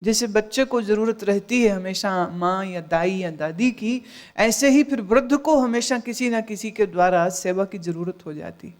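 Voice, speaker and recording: A woman's voice: mid-range voice, moderate pace, darkish tone. A woman spiritual teacher giving a discourse, scolding with rhetorical questions and dropping in English phrases.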